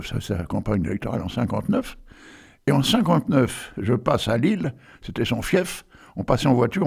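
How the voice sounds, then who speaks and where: A man's voice: mid-range voice, vocal fry, a little mellow, slightly rough. An older man hosting a local radio show, chatting casually and rambling through asides between poems. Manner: chatty, digressive, frequent asides and fillers. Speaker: radio host reading poems. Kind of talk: casual rambling radio chat and poetry reading.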